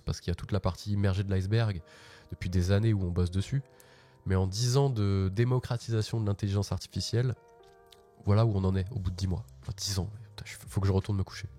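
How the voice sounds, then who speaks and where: A man's voice: lowish voice, dark tone. A man hosting a casual live tech walkthrough from his office, chatty and slangy, often restarting his sentences. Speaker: host.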